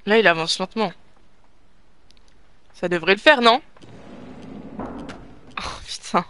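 A let's play gamer giving live gameplay commentary, thinking aloud and bursting into excited urging. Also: mid-range voice, normal speed, smooth.

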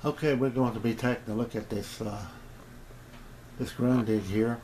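This noisy home camera recording features a middle-aged or older amateur radio hobbyist presenting his equipment in a small home radio room. His mid-range voice is steady and a little mellow, and his unscripted, casual review is halting and rambling with long hesitations.

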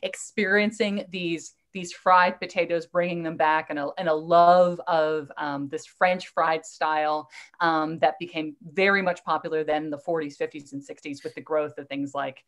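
Lower-voiced woman lecturing eagerly. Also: steady tone, moderate pace. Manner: enthusiastic, digressive, with fillers and restarts. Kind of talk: live lecture Q&A answer.

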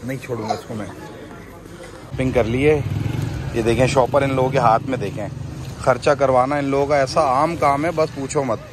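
A man's voice: medium pitch, steady tone, moderate pace, long pauses. A man from Pakistan with a Karachi Urdu accent, chatting playfully and teasing his children as he vlogs a family shopping trip. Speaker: vlogger. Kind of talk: casual family vlog. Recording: busy market crowd behind. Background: market crowd and traffic.

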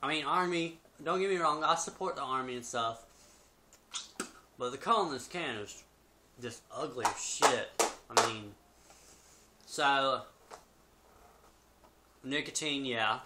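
A man's voice: mid-range voice, unhurried, long pauses, bright, forceful tone. A man in his twenties giving a blunt, sweary, casual review to camera in a living room, talking with a lip full of dip. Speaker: product reviewer. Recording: noisy home webcam recording.

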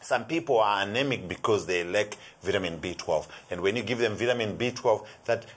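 A man's voice: on the low side, fairly quick, fairly bright tone, breathy edge. A middle-aged man with a South African accent, a health expert explaining a supplement on a TV shopping show, eager and talking in long runs with many "you know"s. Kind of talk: TV shopping product talk. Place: TV studio set.

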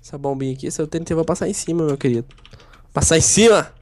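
A man from Brazil chatting while playing a video game, excitable and given to wailing when he loses. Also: a little high, quick pace, no room sound. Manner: excitable, yells and wails when losing. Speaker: gamer co-host. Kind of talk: casual gameplay banter.

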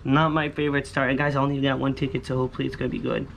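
Racing along with vocal fry and a flat delivery, this man's voice sits at medium pitch. He's in his thirties, vlogging outdoors on a covered poolside patio while scratching lottery tickets, slangy, repetitive, and hopefully muttering to himself. Outdoor ambient noise is audible.

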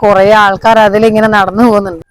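A woman's voice: medium pitch, little pitch movement, quick pace. A woman chatting casually to vlog viewers, mixing English words into her Malayalam. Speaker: vlogger. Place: outdoors on a village road beside fields.

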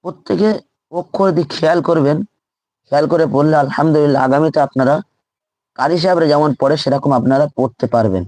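A man's voice: a little high, fast, a little mellow, dry recording. A man teaching Quran reading in a live online lesson, drilling letters and syllables aloud and repeating each one patiently.

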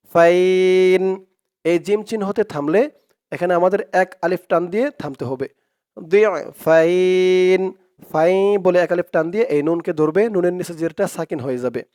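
A man teaching Quran reading, chanting words slowly and drawn out, then explaining quickly in between. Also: sits high, warm tone, clean tone. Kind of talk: slow recitation drills with quick explanations.

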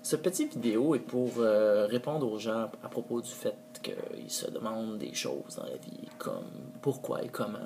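A man with a Québécois accent recording a video tutorial, stumbling over drawn-out fillers and restarting his introduction again and again with exasperated, self-mocking humor. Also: on the low side, lively intonation, noisy background. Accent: Québécois French. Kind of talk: casual self-mocking blooper takes.

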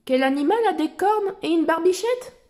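Dora, a woman doing a bright explorer girl. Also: very high-pitched, expressive, moderate pace, voice pushed up. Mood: cheerful, questioning. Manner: bright, questioning, quiz-like. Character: cheerful young explorer girl. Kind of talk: children's storybook reading.

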